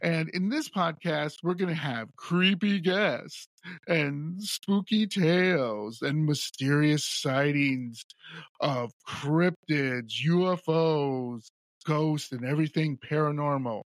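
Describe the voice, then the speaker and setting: A man speaking plainly as host in a promo for his podcast, relaxed and friendly. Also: fairly high pitch, slow pace, dry recording, studio quality.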